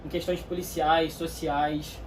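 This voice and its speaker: A man hosting an interview show, introducing his guest and asking questions in a brisk, welcoming way. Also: a little high, flat delivery. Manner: brisk, welcoming presenter delivery. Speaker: interview host. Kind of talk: channel host introduction and questions. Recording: distant mic with noise.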